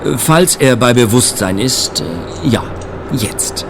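Calm police inspector, lively pitch, lots of little hesitations. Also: male voice, slow pace, background noise.

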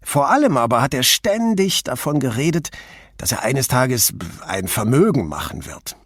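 A man voicing Nino, an excitable middle-aged drinker who talks eagerly and pushes his point. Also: medium pitch, moderate pace, husky, dry recording, clean studio sound, pitched above the performer's own voice, heavily acted. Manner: eager, talkative, pushy.

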